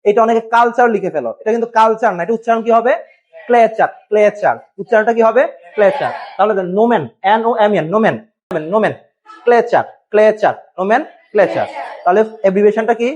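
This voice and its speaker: A man with a high voice teaches a biology class at a board. He asks his students questions and answers them himself, spelling out terms letter by letter. The recording is dull and lo-fi. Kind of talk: classroom lesson.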